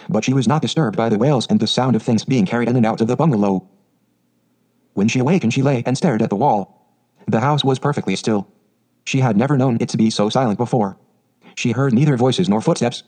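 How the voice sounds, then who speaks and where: Brisk man narrating an audiobook. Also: lowish voice, warm tone, low-quality recording.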